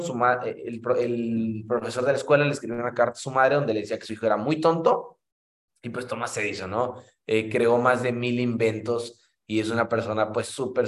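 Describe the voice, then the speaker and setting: A man with a Mexican accent gives a casual, animated motivational talk as an entrepreneur and acts out quoted exchanges. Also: mid-range voice, echoey room. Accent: Mexican Spanish. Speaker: network marketing entrepreneur.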